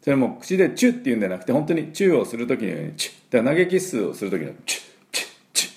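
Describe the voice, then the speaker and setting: A Japanese-speaking man teaching English pronunciation, repeating each sound slowly for learners and filling pauses with "um" and "well". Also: mid-range voice, sing-song, creaky, darkish tone. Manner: frequent fillers "えー" and "まあ". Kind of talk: pronunciation lesson.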